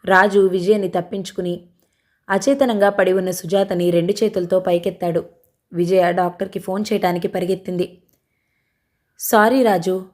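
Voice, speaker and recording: A woman reads a novel aloud in a steady, even storyteller's manner. Her voice is mellow and warm, never sharp. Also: fairly low pitch. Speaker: audiobook narrator.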